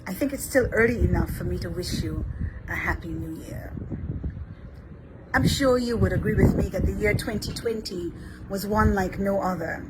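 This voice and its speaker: Measured woman priest, noisy background. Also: medium pitch. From Barbados. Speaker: Episcopal priest. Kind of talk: scripted reflection.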